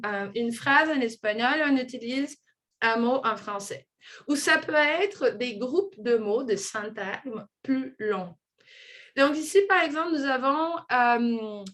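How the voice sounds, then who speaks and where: A woman giving a conference lecture on linguistics, explaining in a measured way and often restarting her sentences. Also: sits high, fairly bright tone. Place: lecture room with an audience.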